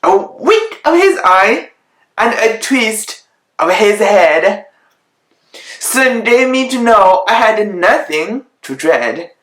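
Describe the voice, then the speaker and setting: A woman giving a dramatic reading of children's verse from a picture book, pausing between phrases and adding little asides. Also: medium pitch, very animated, a bit bright. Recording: echoey room.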